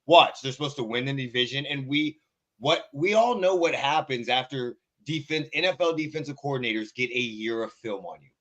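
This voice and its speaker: A man's voice: medium pitch, a little fast, a bit bright. A man talking sports on a casual podcast, assertive and repeating his points.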